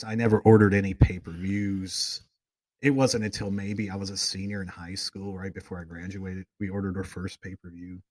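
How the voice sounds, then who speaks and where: A man with a fairly low voice hosts a casual talk show, telling rambling, enthusiastic fan stories full of tangents. The recording is studio quality with no room sound.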